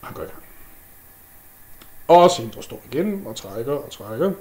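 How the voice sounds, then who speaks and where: A man's voice: medium pitch, big pitch swings, a little mellow. A man retelling a myth off the cuff in a casual way, with fillers and mouth sound effects. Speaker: storyteller.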